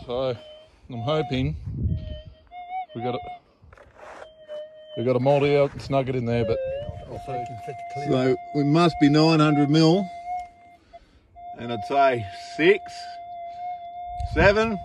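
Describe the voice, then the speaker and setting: A man's voice: fairly high pitch, takes it slowly, long pauses, over music. A man vlogging casually as a gold prospector in a laconic, understated way, recorded outdoors. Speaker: gold prospector filming finds. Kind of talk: casual field vlog. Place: outdoors at a gold digging site. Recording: clearly noisy outdoor handheld recording.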